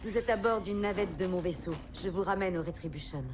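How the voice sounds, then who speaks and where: A woman's voice: medium pitch, a little fast, background noise, close to an everyday voice. An actress playing a firm, composed female warship captain in her forties in a video game. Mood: firm, reassuring. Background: game music.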